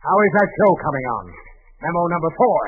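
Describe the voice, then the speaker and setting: In a tinny, band-limited recording styled after 1940s radio comedy, a man voices a pompous, barking boss who is fed up with his bumbling worker. His pitch is fairly high, his intonation lively, and his brisk delivery has a breathy edge.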